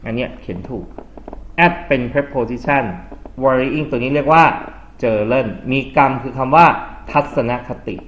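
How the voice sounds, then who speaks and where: This dull, lo-fi classroom recording features a male English tutor giving a grammar lesson. With a steady, mid-range voice and a slightly slow delivery, he keeps asking students questions and blends English terms into his explanations.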